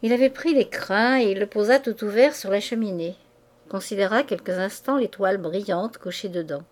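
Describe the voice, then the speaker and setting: A woman reads a classic novel aloud at a measured, even pace. Her voice sits in a middle register. The delivery stays steady and composed. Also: medium pitch. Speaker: audiobook reader. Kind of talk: audiobook narration.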